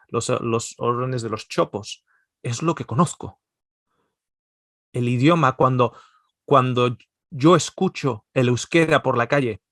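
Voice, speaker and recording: Man, Peninsular Spanish accent, seminar lecture, rhetorical questions, mid pitch, dry recording. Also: a bit bright, no room sound. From Spain, Basque Country. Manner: asks himself rhetorical questions and answers them curtly. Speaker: seminar speaker. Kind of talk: personal lecture.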